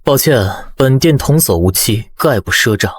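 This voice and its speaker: Man voicing a smug, husky young shopkeeper. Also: mid-range voice, lively intonation. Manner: dry, teasing, unhurried. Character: young male bookshop owner, smug and cool. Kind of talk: animated comic voice acting.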